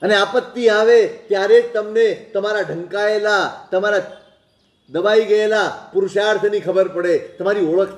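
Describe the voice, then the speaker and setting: Male preacher, high voice, sermon with stories and rhetorical questions, echoey hall recording. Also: measured pace.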